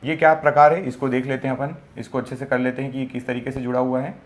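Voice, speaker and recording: A man's voice: mid-range voice, flat delivery. Man teaching, answering his own questions. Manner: asks rhetorical questions and answers them himself; repeats key words slowly for emphasis. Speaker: exam coaching teacher. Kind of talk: classroom lecture on Hindi grammar.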